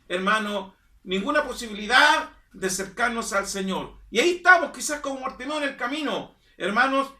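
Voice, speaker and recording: A man's voice: high-pitched, sharp tone, distant mic. A man preaching a sermon as pastor, stressing and repeating his phrases and calling the listeners brother. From Chile. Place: church hall. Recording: echoey room, voice from off-mic.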